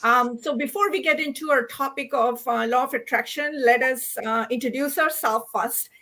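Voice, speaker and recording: A middle-aged woman from India hosts a livestream talk. Her voice sits high and sounds bright and sharp. She explains her topic earnestly, pausing often with fillers and restarting her sentences. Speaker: host.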